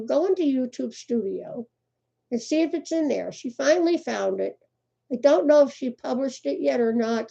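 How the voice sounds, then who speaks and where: Chatty older lady on a live stream, kinda high voice, raspy edges. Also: mellow. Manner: chatty, laughs often, greets viewers by name. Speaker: crochet livestream host. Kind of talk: casual live chat. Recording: muffled lo-fi livestream audio.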